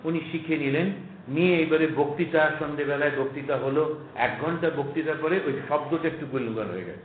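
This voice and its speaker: A middle-aged man delivers a spiritual lecture, leaning on anecdotes and rhetorical questions. His voice sits high. It comes through a narrow, tinny recording with a roomy echo. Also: fairly quick, slight background noise. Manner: storytelling, humorous asides, rhetorical questions. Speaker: monk lecturer.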